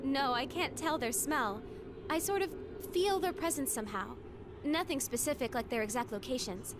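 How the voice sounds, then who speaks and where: A woman's voice: sits high, expressive, moderate pace. An actress playing a perky, bossy teenage girl teammate in a video game. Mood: explaining. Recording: noisy background.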